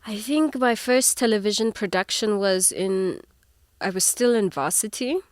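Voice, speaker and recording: A young adult woman speaks as a guest in a casual interview, telling stories with animated energy and frequent laughter. Her voice is smooth and resonant, recorded dry and close. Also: medium pitch, moderate pace, no echo. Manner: animated storyteller, laughs often. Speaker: guest actor.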